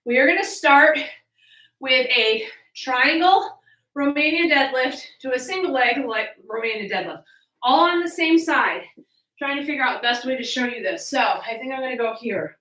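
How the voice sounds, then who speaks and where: High-voiced woman coaching a workout, echoey room. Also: animated, moderate pace, bright, forceful tone. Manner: encouraging, calling out cues and countdowns. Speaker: fitness coach leading a home workout. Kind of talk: workout instruction with counting and cues. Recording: roomy echo, distant from mic.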